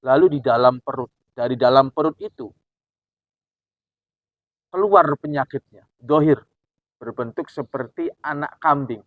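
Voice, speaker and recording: A man preaching who tells a story in an animated way, acting out the dialogue as he goes. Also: medium pitch, a little slow, pauses often, dry recording. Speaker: Islamic preacher. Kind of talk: sermon storytelling. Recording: dull, dry recording.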